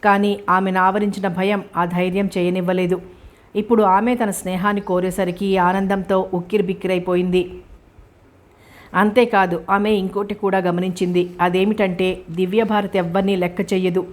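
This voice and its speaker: A woman's voice: medium pitch, little pitch movement, normal speed. A woman steadily reading a novel aloud as an audiobook narrator.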